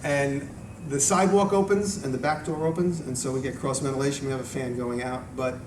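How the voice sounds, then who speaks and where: A man gives an informal talk and answers questions in a conversational, meandering way, often restarting his thought. His voice sits at an average pitch and is picked up from a distance in a reverberant room, with clear noise behind him. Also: fairly even intonation, fairly quick. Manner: conversational, rambling, self-interrupting. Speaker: video maker giving a talk and taking audience questions. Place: echoey room at a live event. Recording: echoey room, distant mic, noisy background.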